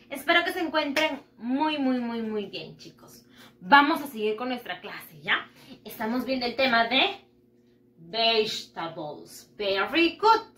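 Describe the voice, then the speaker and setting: A woman teaching children English, her voice high and bright. She talks slowly and patiently, stretching each word and giving praise again and again. The sound carries a roomy echo. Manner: slow, patient, exaggerated pronunciation with frequent praise. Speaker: primary school English teacher. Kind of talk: bilingual online lesson for children.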